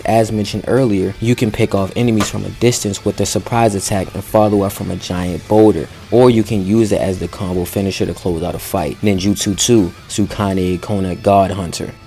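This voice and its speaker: A man, a gaming YouTuber, reading game update notes aloud, stumbling over words now and then and breaking off for slangy, excited asides. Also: lowish voice. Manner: slangy excited asides between read passages; stumbles and restarts while reading.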